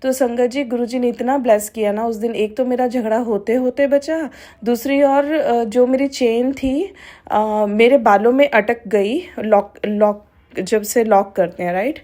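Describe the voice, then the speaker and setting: A middle-aged woman sharing a devotional testimony with a congregation. She talks haltingly, with many fillers, and mixes English phrases into her Hindi. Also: on the high side, darkish tone.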